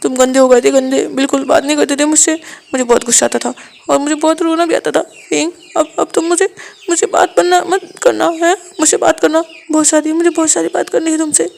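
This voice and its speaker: Woman doing a high, stammering young man who pleads and clings, quick and gravelly. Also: steady tone, a little mellow. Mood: tearful.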